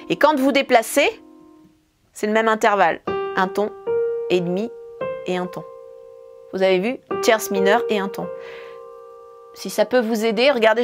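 A woman piano teacher, explaining a scale casually and counting fingerings aloud as she plays. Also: mid-range voice. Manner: talks while playing, counts fingerings aloud. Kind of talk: casual demonstration lesson. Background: piano notes.

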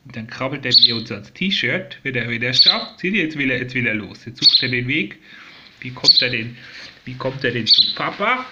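A man talking softly and doting to a young sparrow he is raising, coaxing it and explaining to viewers in a casual home video. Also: mid-range voice, lively intonation, normal speed, dull audio, heavy background noise. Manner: coaxing, soft and doting, often dropping to a whisper. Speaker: vlogger raising a rescued sparrow. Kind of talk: casual talk to a bird and viewers. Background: sparrow chirping.

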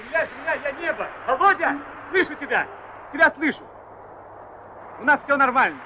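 An actor playing a male mountain climber reporting to base through a crackly field radio transmission, in loud, clipped radio calls. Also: extremely high pitch, expressive, moderate pace. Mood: urgent. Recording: muffled radio sound with hiss.

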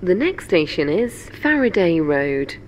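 An onboard train announcement that rises and falls in a lively, sing-song way. She speaks very slowly and formally over the PA, and loud train rumble runs underneath the game audio. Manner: measured, formal and evenly spaced. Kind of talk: recorded station announcements.

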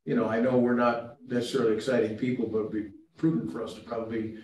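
A man's voice: mid-range voice, little pitch movement, fast talker, darkish tone. A man on a board committee making a loose, hedging suggestion in a meeting. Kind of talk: meeting discussion. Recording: very echoey room, distant mic.

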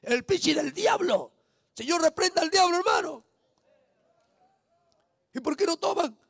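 Peruvian man, fiery evangelistic preacher, very high shouting voice, gravelly, repetitive praise exclamations. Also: lively intonation, measured pace, dry recording, clean studio sound. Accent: Peruvian Spanish. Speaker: street preacher.

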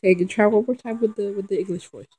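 A woman's voice: medium pitch, fast talker, mellow, a little hiss or hum. A woman making a prank phone call, stammering and breaking into giggles as she talks. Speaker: prank caller.

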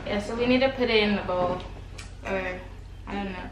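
A woman's voice: mid-range voice, normal speed. Brief: woman guest, mid-range voice, easygoing and outspoken, echoey room with heavy background noise. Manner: relaxed, laughs easily, speaks her mind. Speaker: guest co-host. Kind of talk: casual chat. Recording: roomy with loud background noise.

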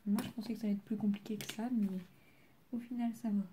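A woman's voice: medium pitch, flat delivery, fast, dark tone, a little hiss or hum. A teenage girl from France doing homework on camera, chatting casually with many fillers and sometimes dropping to a murmur. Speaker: student vlogger. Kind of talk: casual study vlog.

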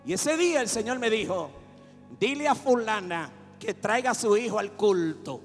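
A Dominican man preaching in a strikingly high voice, fervent and pressing as he urges people forward. His sermon rings through a long-echoing hall while worship music plays beneath him. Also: expressive, moderate pace. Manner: fervent, rising to exhortation. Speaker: pastor. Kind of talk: sermon with altar call. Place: church service, live.

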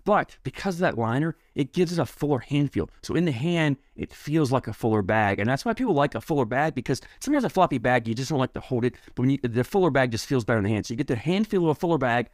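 A man's voice: mid-range voice, lively intonation, fast talker, few pauses, darkish tone, no room sound, studio quality. A man giving a casual, enthusiastic product review, rambling a bit with restarts and repeated words.

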